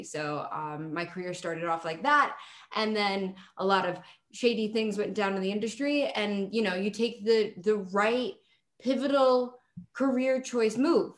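New lady guest on a sports podcast, animated, jokey, laughs a lot. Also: mid-range voice. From New York. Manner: animated, self-mocking, laughs often. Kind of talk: casual chat.

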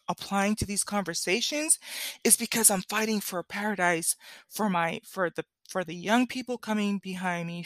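A woman's voice: medium pitch, fairly bright tone, dry recording. Woman creator giving emphatic commentary. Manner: emphatic, repeats key phrases, checks in with "right?". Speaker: content creator, host of a solo show. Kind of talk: impassioned commentary to followers.

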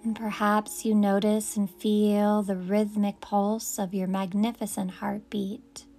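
Calm woman talking you through a meditation, super slow and soothing, faint music behind. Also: mid-range voice. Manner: soft, slow, soothing invitations. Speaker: meditation guide. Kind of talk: guided meditation.

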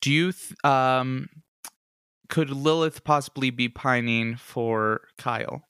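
A man playing a tabletop role-playing game, improvising casually and haltingly as he thinks aloud. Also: mid-range voice, level tone, bright, forceful tone, smooth, dry recording, studio quality. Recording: background music.

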